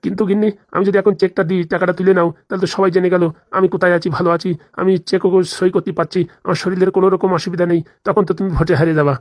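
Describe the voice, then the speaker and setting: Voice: medium pitch, level tone, very fast, hardly any pauses, no echo, clean studio sound, close to an everyday voice. A voice actor playing a timid, henpecked village husband in a cartoon comedy, who stammers and whines in rustic speech. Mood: pleading.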